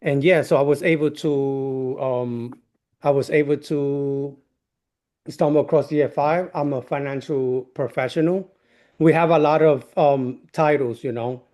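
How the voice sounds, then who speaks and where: A man from New York with a Dominican accent, a guest in an interview, speaking earnestly with halting restarts. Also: mid-range voice, steady tone, mellow. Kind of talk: interview conversation.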